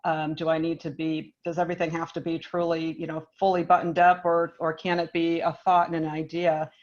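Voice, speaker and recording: A woman from Minnesota, a business leader speaking on a panel in a measured, thoughtful way with frequent restarts. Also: sits low, flat delivery, lo-fi sound. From Minnesota, United States. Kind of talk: panel discussion.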